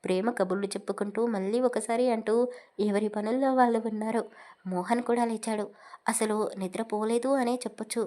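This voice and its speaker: A woman's voice: mid-range voice, a little mellow. Woman narrating a love story.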